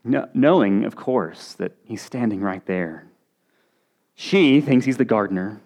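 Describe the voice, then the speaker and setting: A man's voice: on the low side, expressive, unhurried, a little mellow. A man preaching a conversational sermon, now and then acting out short quotes. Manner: conversational, with brief acted-out quotes. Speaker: pastor.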